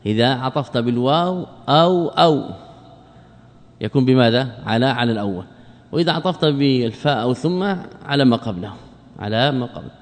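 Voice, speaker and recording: A man teaching a classical religious text in a lesson, explaining slowly, repeating key phrases and quizzing his students. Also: mid-range voice, lively intonation. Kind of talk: classical Arabic study lesson. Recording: long reverb of a lecture hall.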